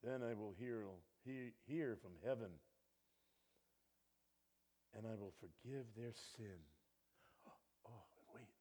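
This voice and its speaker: A man preaching a sermon, swinging between loud, fervent passages and hushed whispers, calling his congregation "children". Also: fairly low pitch, takes it slowly, long pauses.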